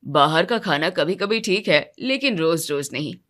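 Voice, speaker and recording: A woman doing a tired, soft-spoken husband. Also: lively intonation, moderate pace. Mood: calm, tired. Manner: subdued, low-key, quietly complaining. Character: weary grown man, soft-spoken husband. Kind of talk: animated storybook voice acting.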